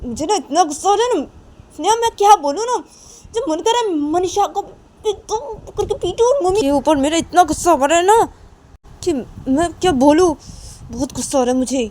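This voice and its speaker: Woman doing shrill furious young woman Nisha. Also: expressive, a little fast, creaky, breathy edge, full character voice. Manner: shrill, shouting, near tears.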